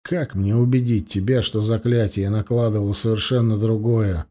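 A man reading an audiobook, voicing a calm, dry-witted male necromancer with a measured, sardonic manner. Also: lowish voice, lightly acted.

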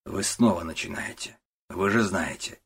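Brief: old male laborer, around sixty, slow and low, quietly defiant, voiced by a male narrator. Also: gravelly, breathy edge, exaggerated voice. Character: stubborn old male warehouse worker, about sixty.

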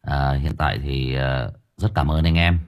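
A man's voice: rumbling low, measured pace. A man hosting a livestream for his story channel, chatting casually and rambling straight to his viewers.

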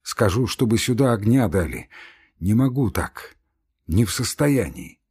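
A man's voice: on the low side, expressive, unhurried, a little mellow, husky, full character voice. A man voicing a weary older male doctor, now a patient, who pleads in a trembling voice. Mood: pleading. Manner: pleading, trembling, then desperate.

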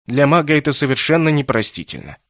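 A man's voice: on the high side, sing-song, fast, fairly bright tone, no echo, clean studio sound, voice pushed up. A man voicing a haughty, manipulative male mage in an audiobook, speaking imperiously and coldly. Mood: scheming. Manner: imperious, coaxing, then clipped and cold. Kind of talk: audiobook character reading.

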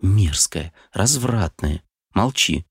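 A man's voice: sits low, expressive, takes it slowly, slightly rough, dry recording, studio quality, full character voice. A man reading an audiobook, voicing a passionate, desperate young man who pleads with feeling. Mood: furious. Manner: pleading, impassioned.

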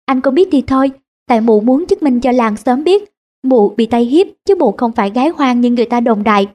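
A woman voicing a sharp-tongued young village wife, scolding and indignant. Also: on the high side, expressive, brisk.

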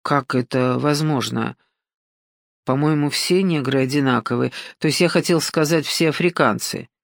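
A woman's voice: low voice, normal speed, gravelly, no room sound, studio quality. A woman reading an audiobook and voicing a nervous, bewildered young male cook who speaks hesitantly. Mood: anxious. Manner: hesitant, anxious.

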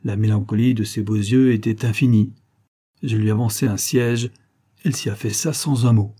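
A male narrator reads an old detective story in a measured, even manner. His voice sits low and dark, with a husky grain to it. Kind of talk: audiobook reading of a classic detective story.

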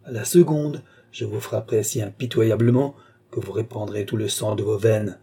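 A man's voice: fairly low pitch, fairly even intonation, vocal fry, warm tone, slightly rough, full character voice. A man voicing a cold, controlling enchanter. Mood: menacing. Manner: measured, menacing and ironic. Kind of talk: audiobook character reading.

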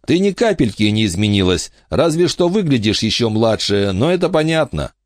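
A man's voice: mid-range voice, sing-song, normal speed, no echo, pitched above the performer's own voice, close to an everyday voice. Guy reading an eager young dad, voice raised up, dry close mic. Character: grateful young red-haired father.

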